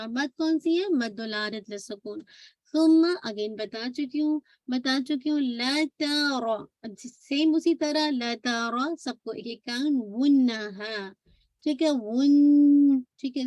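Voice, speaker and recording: A woman's voice: high-pitched, darkish tone, dry recording. A woman teaching Quran recitation, patiently demonstrating and repeating each sound. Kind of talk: recitation lesson.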